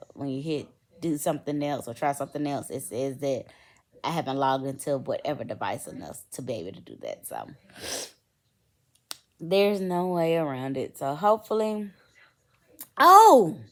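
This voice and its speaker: A middle-aged woman, venting in a rambling, sleepy casual storytime vlog. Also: deep voice. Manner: rambling, venting, lots of fillers. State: sleepy, yawning. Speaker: vlogger.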